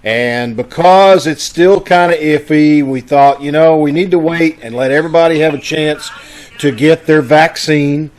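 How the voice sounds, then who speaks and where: A man with a slightly high voice and a measured pace casually hosts a live online radio-troupe broadcast over a video call. He makes announcements in a folksy, conversational manner.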